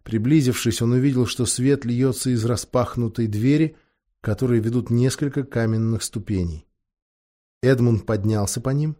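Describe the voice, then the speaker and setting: A man narrating a fairy tale audiobook with expressive, dramatic storytelling. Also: medium pitch, normal speed.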